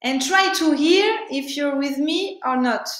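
Leading an online singing workshop, a French-speaking woman whose native language is French uses a high-pitched, slightly bright voice. She pauses to hunt for words and illustrates points by singing syllables, all captured in poor, reverberant audio.

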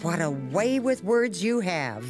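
A woman voicing a brisk, tart, unsentimental elderly farm woman in a cartoon. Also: lowish voice, very animated. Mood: dry. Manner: dry, tart. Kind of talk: animated series voice acting. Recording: music behind the voice.

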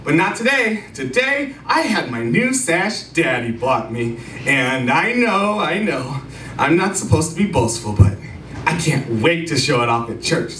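A man in his thirties performing a spoken word slam poem on a small indoor stage at a stand mic, leaping into a high girlish voice and dropping low and slow. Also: very animated, fairly bright tone, a little hiss or hum. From Arizona. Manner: dramatic, leaps high for a girl's voice then drops low and slow. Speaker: slam poet. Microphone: stand mic, filmed from a distant camera. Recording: roomy, distant sound from a far camera.

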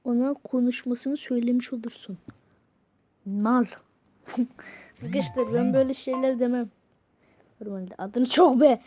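A woman's voice: a little high, unhurried, pauses often. Playful swearing young woman. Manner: playful, teasing, swears often; swings between loud outbursts and muttering. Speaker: vlogger chatting with an app bot. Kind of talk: casual chat, voicing a chatbot's replies.

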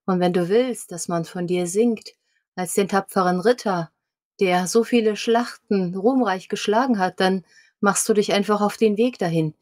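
A woman's voice: medium pitch, normal speed, a little mellow. Female player in character, direct and challenging, plain voice. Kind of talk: in-character tabletop role-play.

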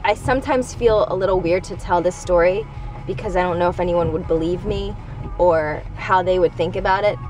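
A woman's voice: fairly low pitch, brisk, darkish tone, soft background music. A woman in her twenties telling a personal story to a vlog camera inside a car, casual, hesitant and confiding. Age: 20s. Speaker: vlogger. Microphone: handheld or mounted camera at arm's length.

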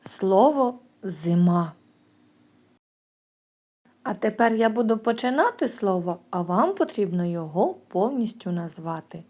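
Woman teacher, preschool lesson, lively pitch, unhurried, clearly sounded words. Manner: slow, clear, drawn-out sounds for children. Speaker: kindergarten teacher.

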